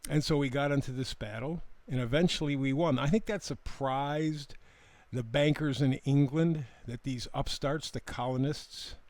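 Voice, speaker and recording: A man hosting his own show, giving casual solo commentary in an emphatic, animated way with mocking asides. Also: mid-range voice, moderate pace, no room sound. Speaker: astrology commentator and show host.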